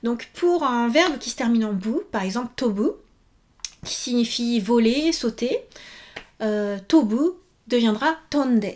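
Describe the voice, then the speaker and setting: A woman's voice: a little high, expressive, a little slow, a little mellow. A woman teaching Japanese verb forms in a video lesson, patiently repeating each example.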